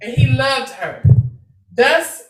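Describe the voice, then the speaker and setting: A woman reading scripture aloud during a Bible discussion, steady and plain, with small restarts. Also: high-pitched, slow pace. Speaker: scripture reader. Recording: roomy and distant from the mic.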